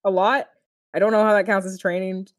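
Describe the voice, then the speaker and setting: A woman's voice: medium pitch, flat delivery, brisk, dry recording, clean studio sound. A young woman co-hosting a podcast, chatting casually and playfully about a cartoon episode, laughing often and acting out quotes. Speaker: podcast co-host.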